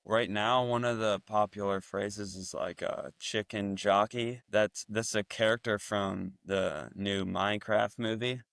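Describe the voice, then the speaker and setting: A fifteen-year-old young man from the United States with a deep, mature voice like a middle-aged man's, giving casual, understated, slightly hesitant interview answers. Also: steady tone, a little slow, gravelly, hardly any pauses, fairly bright tone, no room sound. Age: 15, teenager. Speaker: interview guest, teen athlete.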